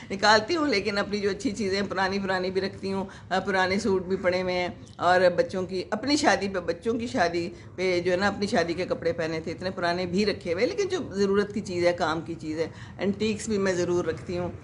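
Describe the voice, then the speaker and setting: A woman's voice: on the low side, slight background noise. A woman in her sixties, a vlogger who chats casually and rambles to her live viewers, with many fillers.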